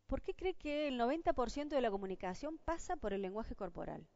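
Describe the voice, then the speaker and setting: A woman's voice: a little high, big pitch swings, fairly quick, a little mellow, no room sound. An Argentine woman giving a university lecture on job interviews, asking her audience rhetorical questions. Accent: Argentine Spanish. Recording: dull lo-fi dry sound.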